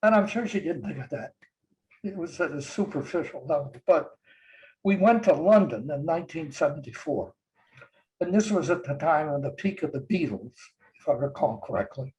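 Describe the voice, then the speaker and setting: Speaking over a video call with poor audio, an older male guest recalls family stories slowly and tenderly, pausing and chuckling softly. His voice sits a little high for a man, and he is animated in a warm, gentle way.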